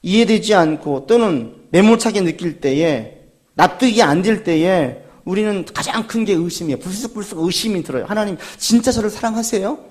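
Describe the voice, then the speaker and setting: A man's voice: high-pitched, lively intonation, normal speed, a little mellow. A man preaching a sermon as pastor, earnest and full of rhetorical questions.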